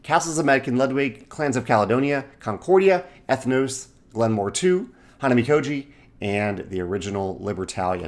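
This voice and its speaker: A man in his forties who hosts a board game channel, talking casually and correcting himself as he rambles through lists of titles. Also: medium pitch. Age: 40s. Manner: rambling, self-correcting, listing titles in quick bursts. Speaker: game designer and channel host. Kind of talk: casual video monologue.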